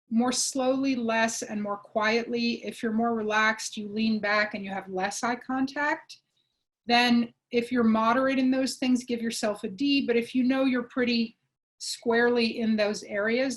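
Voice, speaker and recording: A woman giving an online workshop presentation, explaining clearly and checking in with her listeners with a frequent "okay?". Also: a little high. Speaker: webinar presenter.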